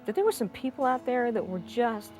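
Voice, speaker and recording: A woman's voice: fairly high pitch, sing-song, brisk, a little mellow, soft background music, poor audio. A woman, a rescue volunteer, speaking earnestly and reflectively in a documentary interview.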